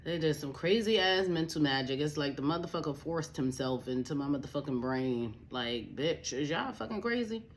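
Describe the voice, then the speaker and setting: A woman's voice: low voice, moderate pace, few pauses, slight background noise. A young woman vlogging a candid personal rant to camera, blunt and profane, telling her story emphatically. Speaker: vlogger, spiritual advisor.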